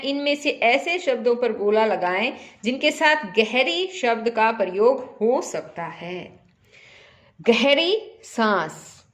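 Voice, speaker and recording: A woman teacher walks children through a primary-school lesson at an unhurried pace. Her voice sits a little high. She repeats each example and keeps putting simple questions to her pupils. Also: a bit bright.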